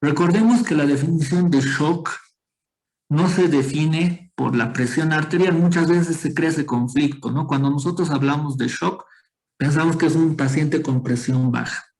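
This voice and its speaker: A man teaches a medical class online, explaining things step by step and calling on students with questions. His voice is fairly high and a little mellow at a normal speed, and the recording is rough. As a medical lecturer, he explains, quizzes students and often uses tag questions.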